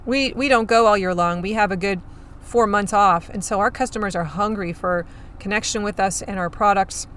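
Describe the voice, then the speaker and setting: On her one-person podcast about farm marketing, a woman talks in a lively, conversational manner between chews of gum. There's a bit of hoarse scratchiness to her voice, which is medium in pitch and fairly bright.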